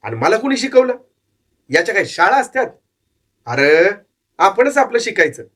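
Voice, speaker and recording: A gruff old street fortune-teller, blunt and worldly, with a voice that sits a little high, as a storyteller puts him on. He snaps and scolds, then turns knowing and cynical, in a read-aloud story. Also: big pitch swings, moderate pace, fairly bright tone, exaggerated voice. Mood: amused, knowing.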